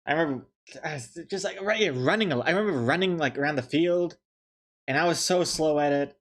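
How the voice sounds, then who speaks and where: A young New Zealand man with a fairly high, slightly quick voice chats casually while drawing on stream. He jokes around and thanks his viewers along the way.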